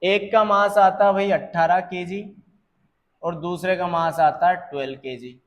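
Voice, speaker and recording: A man tutoring physics, slowly working through exam problems and checking that students follow. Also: high voice, steady tone, dull audio. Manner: calls students "beta", checks understanding; slow, deliberate explaining.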